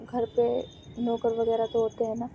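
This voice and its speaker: A woman voicing a sad, lonely teenage girl who speaks softly and politely, in a storybook reading. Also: a little high, monotone, normal speed, highs cut off, a little hiss or hum, close to an everyday voice. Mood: subdued. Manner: soft, subdued.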